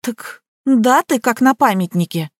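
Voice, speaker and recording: A woman's voice: a little high, lively intonation, a little slow, no echo, clean studio sound. A woman reader voicing a touchy young housekeeper who snaps when offended. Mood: puzzled. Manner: sharp, snapping.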